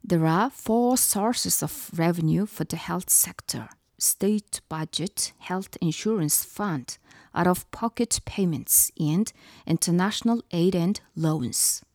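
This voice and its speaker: Mellow Mongolian-accented woman radio presenter. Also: lowish voice, slow pace, no room sound, studio quality. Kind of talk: scripted radio narration.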